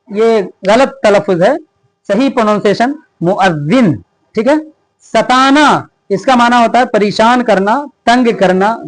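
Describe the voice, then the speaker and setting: High-voiced man teaching a reading lesson. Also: rough recording. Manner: reads text slowly, then explains quickly. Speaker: religious teacher. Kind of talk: reading lesson aloud with explanations.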